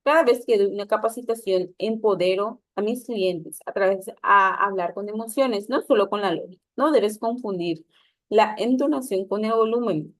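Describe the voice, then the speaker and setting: A woman's voice: mid-range voice, dry recording. Woman teacher, instructive lesson read aloud with small slips, dry close recording. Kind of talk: reading a public speaking lesson.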